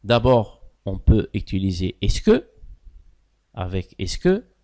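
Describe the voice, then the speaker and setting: A man teaching a French grammar class, walking pupils through sentence types and praising their answers. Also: on the low side. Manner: stresses key words with sudden loud lifts. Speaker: primary school French teacher.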